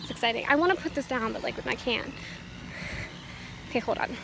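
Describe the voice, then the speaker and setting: A woman's voice: fairly high pitch, brisk, gravelly. A teenage girl rambling casually and profanely into her phone while walking down a town street, laughing at herself. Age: teens. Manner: rambling, profane, self-mocking, frequent laughs. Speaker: vlogger. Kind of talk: casual walk-and-talk vlog. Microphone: phone at arm's length while walking. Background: faint street noise and a weed whacker.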